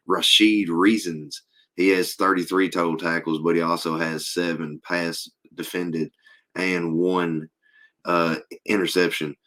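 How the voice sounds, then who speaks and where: A hoarse man, his voice sitting very low. He co-hosts a casual sports talk show, reading stats haltingly with plenty of ums and uhs. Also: fairly bright tone. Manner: halting, reads stats with many fillers. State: losing his voice. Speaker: podcast co-host.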